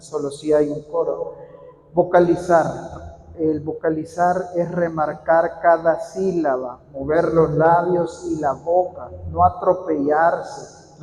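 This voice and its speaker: A man's voice: on the high side, warm tone. Man teaching in a big echoey hall. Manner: conversational, repeats key points, answers questions from the room. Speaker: workshop leader training church readers. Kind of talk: informal instructional talk to a group. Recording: echoey hall with long reverb.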